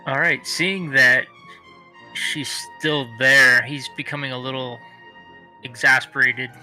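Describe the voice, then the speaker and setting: A man playing in a tabletop game, describing his character's moves in a loud, animated way. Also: medium pitch, takes it slowly, soft background music, poor audio. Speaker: player. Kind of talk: casual tabletop play.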